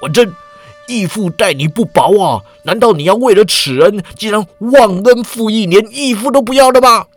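A man voicing a domineering old male eunuch lord who scolds sternly, his voice rising high when angered. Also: sing-song, unhurried, a bit bright, dry recording, faint music behind, full character voice. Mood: angry, scolding.

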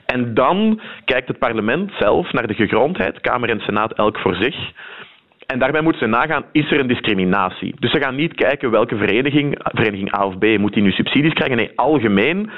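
A man's voice: medium pitch, animated. Een Vlaamse man die als politiek verslaggever bedachtzaam en uitleggerig spreekt, met aarzelingen. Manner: measured, explanatory, hesitant fillers. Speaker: political correspondent. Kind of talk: radio interview. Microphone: phone. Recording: tinny phone line.

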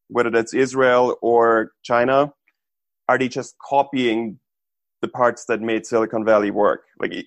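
A man from Austria talks through ideas as an interview guest. His pitch sits in a plain middle range, and he often restarts and fills gaps with "like". The sound is close and dry. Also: no echo. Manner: thoughtful, frequent restarts and "like" fillers. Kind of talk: casual interview talk.

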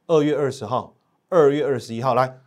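A man with a Taiwanese Mandarin accent hosting a stock market show, keeping up excitable commentary, firing rhetorical questions at his audience and now and then breaking into loud, high-pitched shouting. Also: fairly quick.

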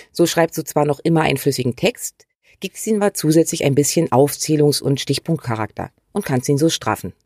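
A woman's voice: low-pitched, darkish tone, no room sound. Woman giving direct, dry writing tips. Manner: direct and instructive, uses imperatives. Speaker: writing coach and channel host. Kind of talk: scripted tutorial addressing the viewer.

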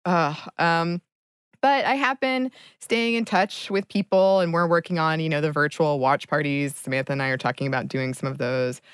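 A woman's voice: low voice, normal speed, clear, resonant tone, no room sound. A woman co-hosting a podcast in casual conversation, recorded close on a microphone in a small home closet. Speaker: podcast co-host. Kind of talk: casual chat.

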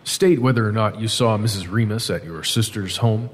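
An actor playing a methodical 1920s attorney questioning a witness. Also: male voice, lowish voice, moderate pace, long reverb tail, soft background music, close to an everyday voice. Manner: formal questioning.

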